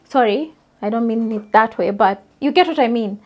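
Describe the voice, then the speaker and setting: A young adult woman hosts a podcast as a solo monologue, addressing her listeners directly with emphatic, forthright delivery. Her voice is fairly high with a darkish tone, she speaks at a moderate pace, and the sound is lo-fi.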